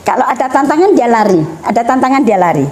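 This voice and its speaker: A middle-aged woman explaining family topics in a measured, steady way. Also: a little high, slight background noise. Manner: measured, explanatory, mixing in Javanese phrases. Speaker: guest speaker on family education. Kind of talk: educational talk.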